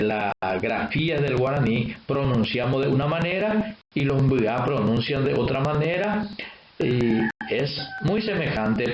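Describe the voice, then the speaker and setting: A man with a Paraguayan Spanish accent giving a lecture, explaining hesitantly and pausing on frequent filler sounds. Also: mid-range voice, roomy sound, a little hiss or hum, rough recording. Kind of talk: lecture on language history.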